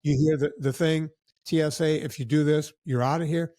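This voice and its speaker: A man tells stories on a podcast in a fairly high voice and acts out the people in them as he goes. The sound is dry and close, with no room echo. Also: moderate pace. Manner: animated anecdotes with acted-out quotes of other people. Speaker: podcast guest. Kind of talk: casual storytelling.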